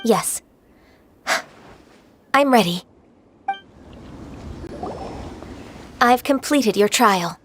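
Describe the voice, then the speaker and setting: A woman playing a gentle, reserved young half-immortal in a video game, polite, formal and a little hesitant. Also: a little high, expressive, slow, slight background noise. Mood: apologetic, uneasy. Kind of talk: video game cutscene acting.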